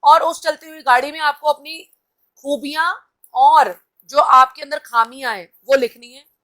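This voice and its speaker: A woman's voice: high-pitched, measured pace, bright, forceful tone. A woman host giving a live-stream motivational talk, coaching viewers directly and reading out their comments. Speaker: TV anchor and host.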